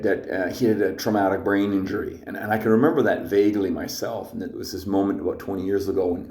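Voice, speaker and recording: A middle-aged man with a low voice tells a story in a loose, rambling way, earnest and reflective. His voice rings in an echoey room. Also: darkish tone. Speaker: podcast host. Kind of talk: casual storytelling monologue.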